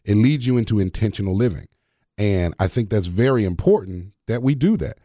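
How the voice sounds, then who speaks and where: Low-voiced man chatting on a podcast. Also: animated, a little fast, mellow, no room sound, studio quality. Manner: conversational, storytelling, quotes scripture. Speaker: podcast co-host.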